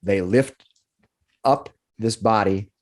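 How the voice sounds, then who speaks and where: A man's voice: on the low side, slow, darkish tone. A man acting as game master, narrating a tabletop game casually and repeating his phrases as he explains.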